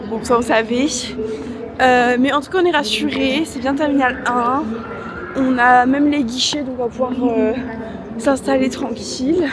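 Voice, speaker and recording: In a noisy airport, a young woman travel vlogger chats casually to camera, tired from her trip, joking and slangy with lots of fillers. Her high voice holds a steady tone at normal speed while a crowd murmurs behind her.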